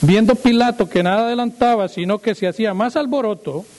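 A male pastor reading scripture aloud in a sermon and praying, slow and solemn, lifting his voice for quoted speech. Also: high voice, a little mellow, poor audio. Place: church.

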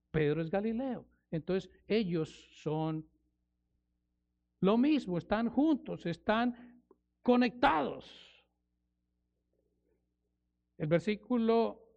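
A man preaching an expository sermon in a dramatic way, slowing down for emphasis and acting out the quoted voices. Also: sits high, creaky, darkish tone. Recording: dull lo-fi recording.

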